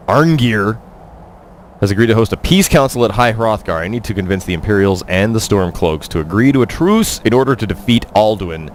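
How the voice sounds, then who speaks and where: A young man doing casual, halting, sardonic commentary as he live-streams a video game. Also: low voice, slight background noise. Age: young adult.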